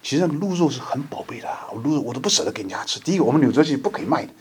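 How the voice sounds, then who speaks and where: A man preaching a conversational sermon to his congregation, slowing down to read scripture aloud. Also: medium pitch, animated, a little mellow, a little hiss or hum. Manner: conversational, reads scripture slowly and deliberately. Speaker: lay preacher.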